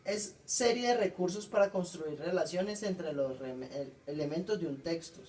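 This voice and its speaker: A man, reading out a class presentation on punctuation and coherence, pausing often and correcting himself. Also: on the high side, a little mellow, distant mic. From Colombia. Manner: halting, frequent self-corrections.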